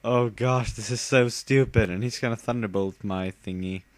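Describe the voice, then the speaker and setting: A man's voice: lowish voice, normal speed, dry recording. A tired young man casually commenting on his own game battle, rambling with fillers and giggling at himself. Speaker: gamer narrating his battle.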